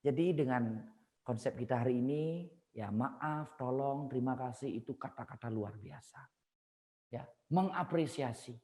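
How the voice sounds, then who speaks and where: A man giving a lively seminar talk, telling stories and addressing the audience directly. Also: mid-range voice, unhurried. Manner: animated, addresses audience directly, laughs at own jokes. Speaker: seminar speaker. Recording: echoey hall.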